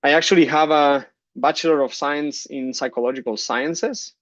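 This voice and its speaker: A man in his thirties from Guatemala, giving a conference keynote talk, relaxed, with many fillers and restarts. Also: fairly high pitch, moderate pace, no echo, lo-fi sound. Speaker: keynote speaker, geologist. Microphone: computer mic on a video call.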